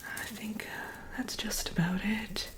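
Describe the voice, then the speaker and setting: A woman voicing a prim, fussy witch villainess in a breathy, hesitant ASMR whisper, chatting and gently scolding up close. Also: medium pitch, steady tone, takes it slowly, close to an everyday voice, rough recording. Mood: chatty, musing. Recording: audible background noise.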